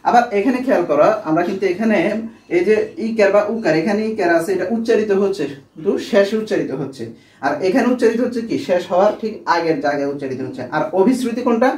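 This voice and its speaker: Fast, high-voiced man teaching a class. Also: expressive, a little mellow, reverberant, recorded from a distance. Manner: asks questions and answers them himself. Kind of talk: grammar lesson for school students.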